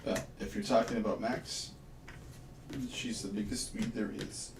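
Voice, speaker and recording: A man's voice: on the low side, level tone, measured pace. A young man chatting casually and jokingly as a livestream co-host. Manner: easygoing, joking, grumbles playfully. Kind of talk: casual chat while puzzling. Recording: echoey room, distant mic, noisy.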